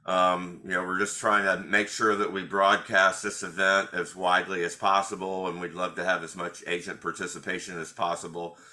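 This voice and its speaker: Middle-aged male attorney host, lower pitch, bright edgy tone, halting delivery full of fillers. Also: level tone. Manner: hesitant, many fillers and restarts. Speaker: attorney hosting a monthly Q&A webinar. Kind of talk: informal webinar presentation.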